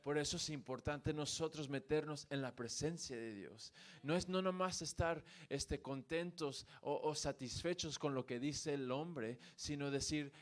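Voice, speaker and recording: A male preacher delivers a sermon from a church, his voice sitting somewhat high for a man. He builds to emphatic, passionate peaks and then drops to quiet, repeated refrains. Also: unhurried. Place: church sanctuary.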